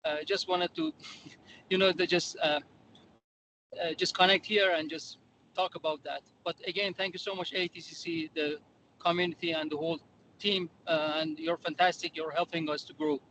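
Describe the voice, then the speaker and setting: A man calls into a meeting from his car speakerphone while he drives. His voice sits slightly high and comes in halting bursts full of fillers. A soft hum of the car runs underneath. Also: fairly even intonation, low-quality recording. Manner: hesitant, many "uh" fillers. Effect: calling in by phone from a car while driving. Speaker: section education chair. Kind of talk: meeting remarks. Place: in a moving car. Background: faint car noise.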